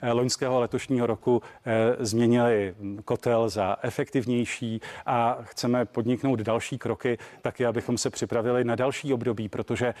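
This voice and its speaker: A man, a government minister, speaking in a measured, formal way in a televised political debate, turning indignant when interrupted. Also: medium pitch, steady tone, a little mellow. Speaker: government minister and deputy party chair.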